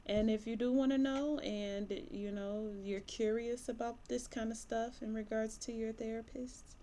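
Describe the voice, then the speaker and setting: A woman's voice: fairly high pitch, little pitch movement, moderate pace, dark tone, slight background noise. A woman in her thirties, a therapist from Michigan, talking candidly and casually to camera with plenty of fillers while sniffly from allergies. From Michigan, USA. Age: 30s. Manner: chatty, candid, rambling with fillers. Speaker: licensed therapist.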